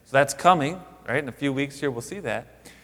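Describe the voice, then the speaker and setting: Conversational pastor preaching in a reverberant hall. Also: male voice, mid-range voice, a little fast. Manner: conversational, animated, rising emphatic asides. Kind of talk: sermon.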